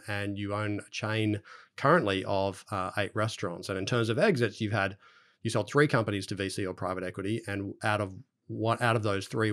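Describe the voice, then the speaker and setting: A man's voice: on the low side, fairly bright tone. Chatty Australian man hosting a podcast. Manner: chatty, with fillers and restarts. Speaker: podcast host. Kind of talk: conversational interview.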